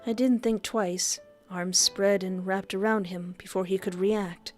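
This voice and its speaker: A woman streamer reading a visual novel aloud on a livestream, playful and quick to laugh between the story's lines. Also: mid-range voice, faint music behind. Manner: lively, playful, laughs often.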